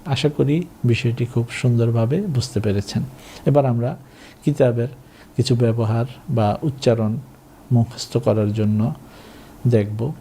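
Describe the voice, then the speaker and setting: A man teaching Arabic in a recorded lesson, slowly drilling and repeating words for learners to copy. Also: medium pitch, fairly even intonation, mellow, a little hiss or hum. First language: Bengali.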